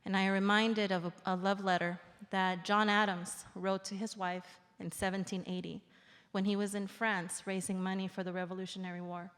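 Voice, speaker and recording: Speaking in a reverberant theater hall, this invited speaker, a Salvadoran-born woman in her forties, delivers an earnest, reflective formal address at a public event in a large indoor venue. Her mid-range voice is clean and a bit bright, with little pitch movement. She slows for emphasis.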